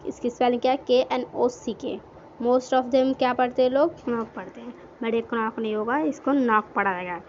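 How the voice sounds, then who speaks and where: A woman teaching an English grammar lesson, spelling words out letter by letter and asking and answering her own questions, mixing English words into her Hindi. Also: on the high side. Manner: asks questions and answers them herself. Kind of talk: classroom lesson explaining words. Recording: dull lo-fi recording with faint noise.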